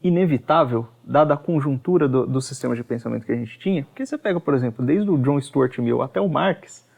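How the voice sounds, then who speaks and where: A man hosting a podcast, explaining ideas thoughtfully and pausing to repeat words as he thinks. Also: medium pitch, animated, vocal fry, a little mellow. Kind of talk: casual discussion.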